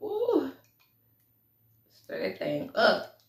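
Woman vlogger, gravelly, mic a little off, roomy echo; casual chat with humming between bites. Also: a little high, wildly swooping pitch, drawn-out words, far from the mic. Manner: chatty, laughing between bites, lots of mm sounds. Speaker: mukbang vlogger. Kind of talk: casual eating vlog chat. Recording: echoey room, voice a bit off-mic.

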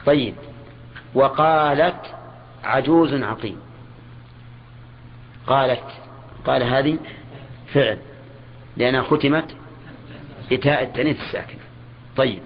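An older man, teaching a grammar lesson in a measured way. He repeats key words and puts questions to his students. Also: medium pitch. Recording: dull lo-fi old lecture recording with faint hiss.

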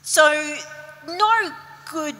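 A woman's voice: high-pitched, extremely slow, sharp tone, a little hiss or hum. A woman scientist telling a story on a panel in a chatty way, with fillers, into a handheld mic. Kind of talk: panel discussion answer. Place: stage of an event hall. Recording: long reverb of a hall.

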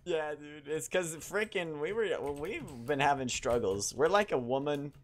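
A man co-hosting a gaming let's play, joking around, excitable and prone to stammering. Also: a little high, unhurried. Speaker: co-host. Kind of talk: casual gaming commentary.

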